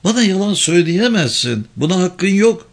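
Summa: a high, tearful pleading wife voiced by a man. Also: normal speed, close to an everyday voice. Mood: desperate arguing. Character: frightened, pleading young wife and mother.

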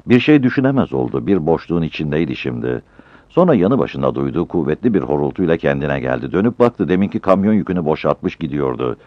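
A man narrating a story aloud in a calm, measured audiobook reading. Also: a bass voice, no echo. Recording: dull lo-fi dry recording.

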